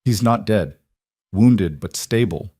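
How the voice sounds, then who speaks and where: A man voicing a calm, firm woman who comforts gently but speaks with authority. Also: on the low side, slow pace, no echo, clean studio sound.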